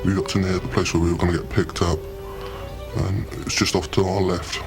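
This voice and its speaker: A man's voice comes through disguised and shifted very low, flat in pitch. He talks in halting, uneasy bursts with restarts, as a former soldier from Britain in a documentary interview. Music plays beneath him. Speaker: former soldier recounting a sighting.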